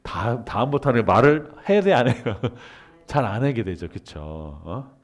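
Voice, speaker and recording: Man lecturing, animated pitch, rhetorical questions, acts out little dialogues. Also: unhurried. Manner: asks questions and answers them himself; acts out everyday dialogue in lively voices. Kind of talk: humanities lecture.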